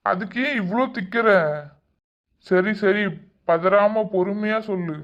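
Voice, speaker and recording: A woman voicing a calm, reassuring husband in a cartoon, patient and soothing. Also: mid-range voice, a little slow, lightly acted. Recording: dull lo-fi audio.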